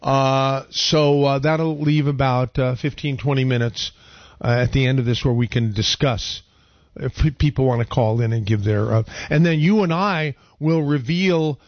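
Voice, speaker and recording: Halting male radio host. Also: medium pitch, dry recording, dull audio. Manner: halting, many fillers. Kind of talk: radio interview.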